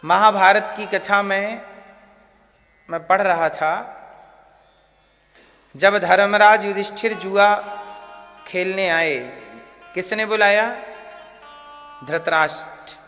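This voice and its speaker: A man's voice: sits high, fairly even intonation, slow, pauses often, sharp tone, long reverb tail, faint music behind. A man telling a devotional story as a sermon, asking the audience questions and answering them himself. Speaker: religious storyteller.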